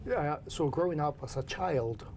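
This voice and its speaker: A man's voice: a little high, lively intonation, measured pace, darkish tone, a little hiss or hum. A man hosting a TV interview show, welcoming his guest and asking short, direct questions. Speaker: TV show host.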